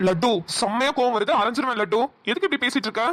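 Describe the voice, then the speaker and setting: A woman's voice: fairly high pitch, racing, fairly bright tone, natural voice. A woman voicing a young husband in a cartoon who teases and scolds his wife brusquely. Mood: teasing. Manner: teasing, brusque. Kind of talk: cartoon voice acting.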